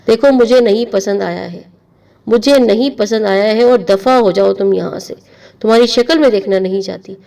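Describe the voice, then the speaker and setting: A woman's voice: medium pitch, gravelly, distant mic, natural voice. A woman doing a harsh scolding aunt. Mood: scornful. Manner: scornful, accusing, shouting.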